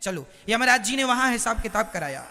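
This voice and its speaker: Male preacher for a devotional sermon: high, sharp and bright, dramatic storytelling, reverberant hall with soft music. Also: normal speed. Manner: dramatic storytelling, exhorting the crowd.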